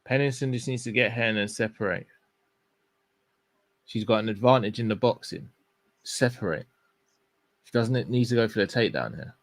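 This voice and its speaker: A man with a fairly low voice calmly analyses a live fight, pointing out what each fighter should do. The recording sounds dry and close, with no room echo. His delivery is steady and matter-of-fact. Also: normal speed, long pauses. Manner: analytical, gives tactical advice to fighters. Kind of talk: casual live fight commentary.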